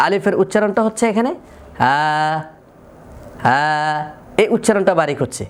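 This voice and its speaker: A man's voice: high voice, rapid-fire. A man teaching Quran letter pronunciation, patiently repeating each sound to demonstrate. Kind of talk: slow, deliberate lesson with repeated sample sounds.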